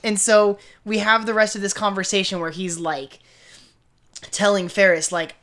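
A woman's voice: medium pitch, flat delivery, normal speed, a bit bright. A woman co-hosting a fan podcast, chatting casually and enthusiastically in a millennial way, often saying "like". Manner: casual millennial speech, peppered with "like". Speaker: podcast co-host.

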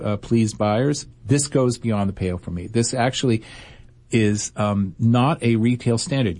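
Emphatic male radio host, husky voice. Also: mid-range voice, darkish tone. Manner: emphatic, opinionated advice. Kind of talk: radio talk show chat.

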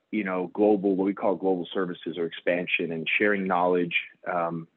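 Deep-voiced man on a tinny line. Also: no room sound. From United States. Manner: thoughtful, many fillers and restarts. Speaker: guest, hospital executive and surgeon. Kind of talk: conversational interview answers.

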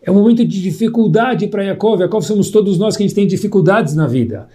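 A man telling a moral story as a sermon, lively and acting out the people in it. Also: sits high, quick pace. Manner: lively storyteller, voicing characters in quotes.

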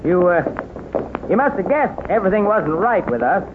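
An American actor playing a wistful, soft-hearted cowboy widower in a folksy, halting old radio western style. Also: male voice, high-pitched, sing-song. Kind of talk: 1930s radio western acting. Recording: tinny, noisy old radio recording.

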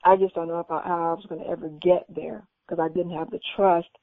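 A woman's voice: on the low side, fairly quick, dry recording. A woman patient casually telling the story of her knee recovery, acting out what people said to her with vivid jumps in voice. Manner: animated, acts out quoted dialogue in a raised voice. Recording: tinny phone-line audio.

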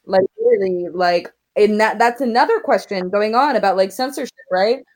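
A young American woman from Oklahoma in casual, opinionated conversation, halting and full of fillers but emphatic. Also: medium pitch, darkish tone. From Oklahoma, United States.

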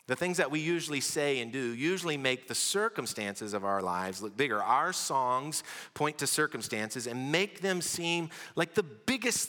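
A male pastor, preaching a sermon with storytelling, dramatic pauses and humor. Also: mid-range voice, bright, forceful tone. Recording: long hall reverb.

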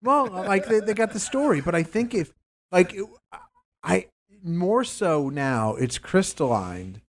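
A male talk show host rambles through his points, often stumbling and restarting. His fairly high voice swings widely in pitch and carries a gravelly rasp. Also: slow. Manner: rambling, animated, stumbles over words. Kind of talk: casual investing talk show banter.

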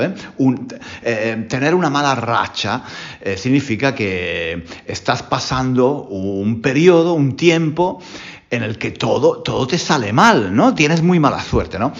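A man's voice: mid-range voice, vocal fry, muffled recording. A man from Spain with a Spain Spanish accent, a Spanish teacher hosting a casual podcast lesson at home, chatty and repeating his phrases. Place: home room with windows.

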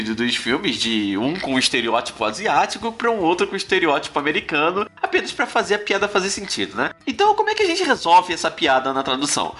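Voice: medium pitch, bright, forceful tone. A podcast host from Brazil, explaining a science topic in a chatty, conversational way with rhetorical questions.

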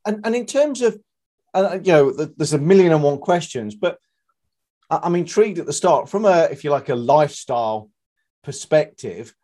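A man hosting a conversational interview, putting his questions in a halting, roundabout way with many asides. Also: fairly high pitch, expressive, warm tone. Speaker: interviewer, host.

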